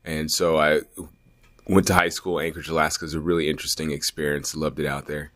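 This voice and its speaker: A man's voice: rumbling low, little pitch movement, a little fast, a bit bright, no room sound. A man playing himself as a podcast host in a put-on British accent, speaking playfully with many filler words. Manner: playful, with self-conscious laughs and filler words. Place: fitness company studio.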